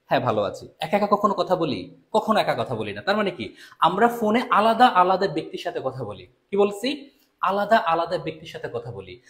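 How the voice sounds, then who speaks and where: A young Bangladeshi tutor teaches a live online class in a high-pitched voice. His delivery swoops and bounces with animated energy. He repeats key points and greets students by name as he goes. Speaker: admission test tutor.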